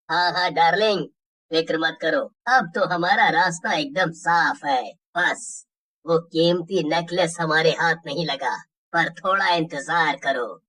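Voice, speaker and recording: A woman's voice: low voice, slow, fairly bright tone, distant mic, exaggerated voice. A woman voicing a scheming village man who killed his wife, gloating with evil laughs, for a cartoon. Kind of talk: cartoon voice acting.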